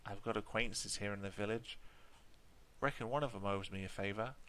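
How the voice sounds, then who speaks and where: A man's voice: on the low side, brisk, a bit bright, natural voice. A man voicing a grumbling old male coach driver who talks in a plain, rustic way.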